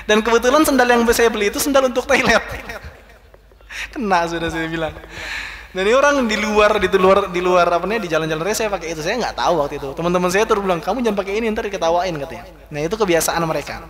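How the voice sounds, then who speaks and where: A man, a religious teacher, telling chatty, animated anecdotes in a casual talk, with frequent fillers. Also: high voice. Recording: roomy hall reverb.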